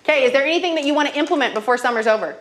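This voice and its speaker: A woman with a somewhat high voice teaches a group of students in a classroom. She tells personal stories in a casual way, and she keeps checking in with "okay?" and "right?" to pull her listeners along. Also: very fast. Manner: storytelling, checks in with frequent "okay?". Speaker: financial literacy trainer. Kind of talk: classroom workshop talk.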